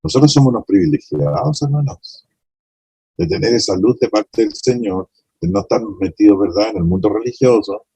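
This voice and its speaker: A man's voice: fairly low pitch, animated, moderate pace, dark tone, husky, no room sound, low-quality recording. A man preaching a sermon to a small congregation, passionately acting out the scene he tells. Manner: impassioned, acts out the blind man's pleas.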